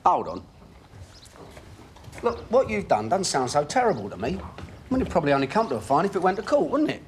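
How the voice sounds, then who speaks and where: A man's voice: on the high side, wildly swooping pitch, fairly quick, a little hiss or hum. An actor playing a practical London tough man in a TV drama, informal and reasoning. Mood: reasonable.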